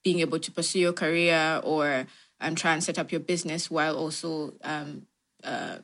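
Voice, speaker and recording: Woman from Uganda, interview guest, fairly low voice, reflective, halting restarts. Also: fairly even intonation, a bit bright. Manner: reflective, many fillers and restarts. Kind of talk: thoughtful interview answers.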